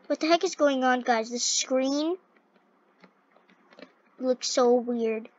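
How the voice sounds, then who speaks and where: A young female gaming video host with a high, scratchy voice comments on a game and reads its dialogue aloud, excitable and halting. The recording comes from a close microphone and sounds dull and lo-fi.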